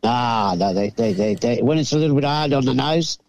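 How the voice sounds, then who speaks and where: An older man with an Australian accent chats casually as an interview guest, giving laconic, halting, drawled answers. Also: mid-range voice, expressive, creaky, darkish tone. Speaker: racing pigeon fancier, interview guest.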